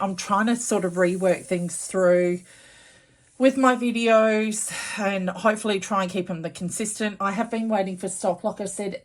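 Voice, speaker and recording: Slow-talking woman with a chesty voice. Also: lowish voice. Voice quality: chesty, heavy-chested, congested voice. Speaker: craft channel host. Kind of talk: casual craft tutorial talk to viewers.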